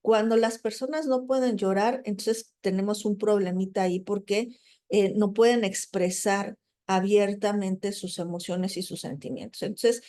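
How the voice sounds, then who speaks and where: A woman lectures in a relaxed, conversational way, pausing on fillers and tagging her points with questions to the class. Her voice is mellow and soft-edged, at an ordinary middle pitch. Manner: conversational, frequent "¿no?" tags and fillers; acts out quoted people while explaining. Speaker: teacher. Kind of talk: recorded lecture.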